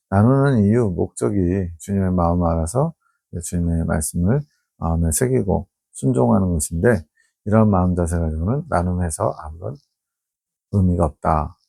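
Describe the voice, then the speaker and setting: A man's voice: low-pitched, vocal fry, dark tone, husky, dry recording, studio quality. A man preaching a sermon, reading journal entries aloud and then explaining them in plain conversational asides.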